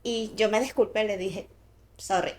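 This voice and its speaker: A woman's voice: mid-range voice, fairly even intonation, unhurried, darkish tone, a little hiss or hum. A woman co-hosting a podcast, telling personal anecdotes in casual conversation. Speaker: podcast co-host. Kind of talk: casual chat.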